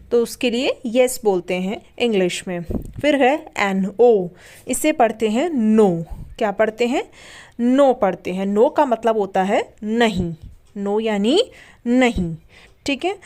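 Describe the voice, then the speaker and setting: A woman teaching beginners English, spelling each word slowly, repeating it and asking learners to say it back. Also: a little high, darkish tone. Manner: spells words letter by letter slowly. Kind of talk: spoken language lesson for beginners.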